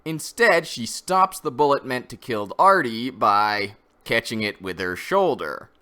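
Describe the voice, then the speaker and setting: The host of a comic review channel delivers opinionated, critical commentary that's conversational but partly scripted. His mid-range voice is expressive and unhurried, sounding pushed and bright.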